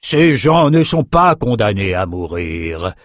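A man's voice: lowish voice, very animated, takes it slowly, dry recording, studio quality. A man voicing a cold, commanding male raider captain who gives clipped, menacing orders, in a storybook reading.

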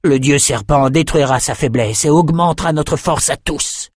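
A man's voice: fairly high pitch, normal speed, no room sound, studio quality, voice pushed up, close to an everyday voice. A man voicing a grim, ruthless male warrior captain who speaks in fierce vows in an audiobook.

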